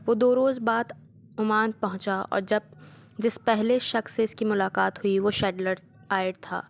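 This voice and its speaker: A woman narrator reading a novel aloud in a steady, even storytelling manner. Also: medium pitch, measured pace, gravelly.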